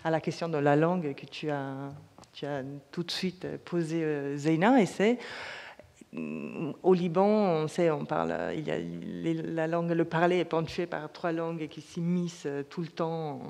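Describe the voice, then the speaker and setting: A woman's voice: low-pitched, animated, unhurried, darkish tone. A woman moderating a panel, searching for her words and restarting as she frames her questions. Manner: searching, restarts often while framing questions. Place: conference hall. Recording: reverberant lecture hall.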